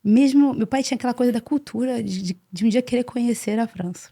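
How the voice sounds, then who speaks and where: A Brazilian woman in her forties, a podcast guest, telling her life story in an earnest, animated way and often repeating words. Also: a little high, fast. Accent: Brazilian Portuguese. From Brazil (Salvador, Bahia). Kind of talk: casual interview storytelling.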